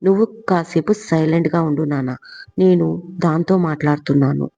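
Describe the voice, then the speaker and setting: A woman voicing a bossy elder sister who scolds her younger sibling in firm, sharp commands, in a dull lo-fi recording. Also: low voice, fairly even intonation, brisk. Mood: stern.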